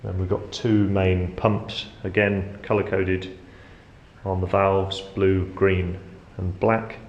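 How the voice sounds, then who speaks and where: A man with a low-pitched voice gives an informal guided tour, explaining as he goes. His intonation stays very flat. The sound is echoey, as in a metal-walled engine room, with a faint background noise. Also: slow, lo-fi sound. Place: inside a ship's engine room.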